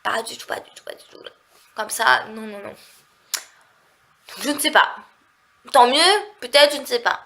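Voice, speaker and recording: A woman's voice: on the high side, moderate pace, pauses often, bright, forceful tone. A woman from southern France with a nasal voice, chatting casually and rambling in a vlog. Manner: chatty, rambling, heavy on fillers. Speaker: vlogger.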